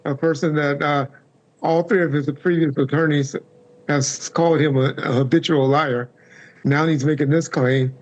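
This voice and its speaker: A man answering questions as a guest on a news interview, pausing with fillers. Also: fairly high pitch, steady tone, poor audio.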